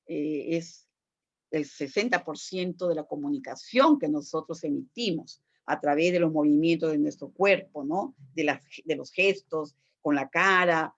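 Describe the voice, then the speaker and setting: A woman's voice: sits low, moderate pace, lo-fi sound. Woman lecturing, with many "¿no?" tag questions. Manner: explanatory, with frequent "¿no?" tag questions and "este" fillers. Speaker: teacher. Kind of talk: recorded class lecture.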